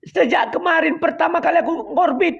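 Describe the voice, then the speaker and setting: A man's voice: extremely high pitch, brisk, gravelly, dull audio, a crowd in the background. A man in a heated online debate, combative, who keeps cutting in to demand his turn. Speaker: guest debater.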